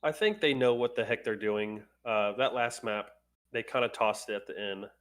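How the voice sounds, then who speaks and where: A man's voice: lowish voice, normal speed. A man co-casting an esports match, giving laid-back analysis with casual slang. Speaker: esports co-caster.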